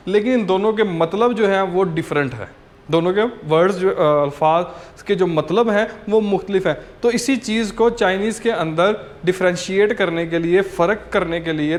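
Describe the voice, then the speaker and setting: A man teaching a language lesson in a patient, explanatory way, often checking in with "okay" and sounding out examples. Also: sits high.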